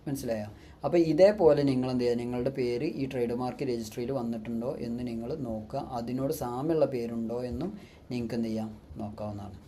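A man's voice: medium pitch, fast, mellow, a little hiss or hum. A man working as a business consultant gives a step-by-step tutorial and keeps asking himself rhetorical questions as he explains.

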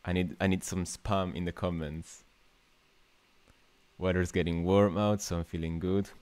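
Hosting a casual livestream workshop from a small indoor room, this Italian new media artist in his twenties chats with viewers in a hesitant, informal way, frequently thinking out loud in his Italian accent. He has a low-pitched, darkish voice, a level tone and a measured pace.

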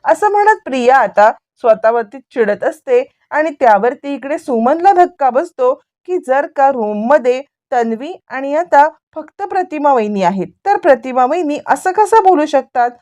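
A woman storyteller recapping a TV serial in lively, chatty narration. Her voice sits fairly high. She keeps frequent fillers and restarts as she moves the story along. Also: normal speed, few pauses.

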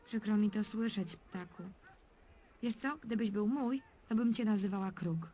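A woman voicing a calm young adventurer. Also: mid-range voice, a little slow, lightly acted. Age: young adult. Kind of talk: game dub voice acting.

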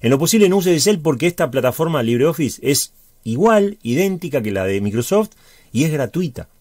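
A man with a Uruguayan Spanish accent, a high school teacher giving a chatty spreadsheet tutorial, explaining step by step and checking in with the viewer often. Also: sing-song, fairly quick, a little mellow, no room sound, clean studio sound.

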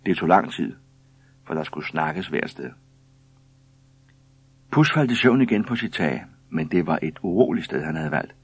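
Low husky man reading a children's story. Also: lively intonation, long pauses, no room sound. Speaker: narrator.

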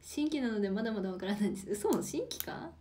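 A woman's voice: mid-range voice, expressive, rapid-fire, warm tone, a little hiss or hum. A young woman of about nineteen chatting casually on a livestream, reading out viewer comments and playfully teasing them back. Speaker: idol livestreamer.

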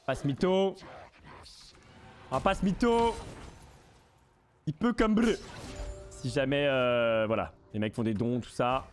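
A man commentating his own game live, excitable and swearing, with mock-formal asides and bits of English. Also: mid-range voice, a little hiss or hum. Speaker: streamer.

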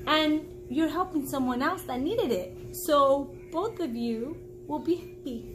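This is a high-voiced woman in her forties, reading a children's book in a small indoor room at home. Like a teacher, she encourages the listener and pauses to explain and pose questions, while noise sits in the background.

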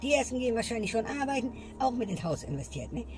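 Here the ranting comedienne talks fast in a sing-song, higher-pitched voice, still grumbling and tacking "ne?" onto her lines. Music runs behind her, and there's some background noise too.

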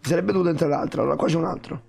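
A man who has lost his voice, croaking through casual gameplay commentary, joking and swearing with his viewers. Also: fairly high pitch, racing, a little mellow. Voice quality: croaky duck-like voice. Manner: swears a lot, jokey, talks to viewers. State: lost voice, hoarse. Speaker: gaming streamer. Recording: game music behind.

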